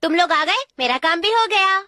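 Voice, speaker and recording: A woman's voice: extremely high pitch, lively intonation, moderate pace, noisy background. A woman voicing a clever inventor boy in a cartoon dub, confident and explaining. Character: clever inventor boy Kiteretsu, calm and knowing.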